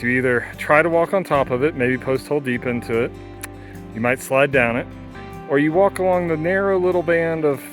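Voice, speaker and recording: A man's voice: medium pitch, a bit bright. A man talking casually as he narrates a hiking vlog outdoors on a trail.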